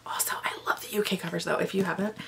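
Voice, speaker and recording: A woman's voice: on the low side, steady tone, racing, gravelly, in a whisper. A young woman chatting casually to camera at home in a gushing, effusive way, as a vlogger showing off books. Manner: gushing, effusive about what is shown. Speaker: book collector vlogger. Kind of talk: casual unboxing chat to camera. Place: small furnished room at home, indoors.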